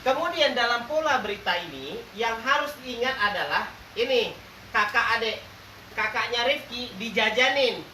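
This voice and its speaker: A man teaching a lively grammar lesson to a class, quizzing them playfully, joking, and drawing out example words slowly. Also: very high-pitched. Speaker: religious teacher. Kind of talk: classroom lesson with call-and-response. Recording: roomy, distant classroom recording with faint noise.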